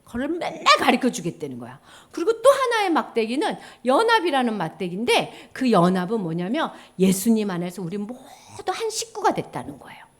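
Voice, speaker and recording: A woman preaching a children's sermon, telling a Bible story in an animated way, acting out the characters and sound effects. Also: high voice.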